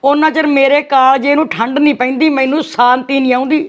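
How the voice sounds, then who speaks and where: A woman's voice: sits high, fairly even intonation, fast talker, lo-fi sound, close to an everyday voice. An actress playing an anxious middle-aged village aunt who keeps coaxing her nephew, with a Malwai Punjabi accent. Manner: coaxing, insistent, repeating "son". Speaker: paternal aunt. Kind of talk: web series acting.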